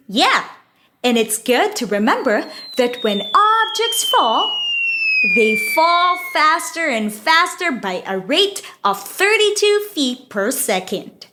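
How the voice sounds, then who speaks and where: Woman acting high, slow, science-savvy young friend. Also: background noise, full character voice. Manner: patient, explanatory. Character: knowledgeable, teasing young female friend explaining science. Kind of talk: scripted educational audio drama.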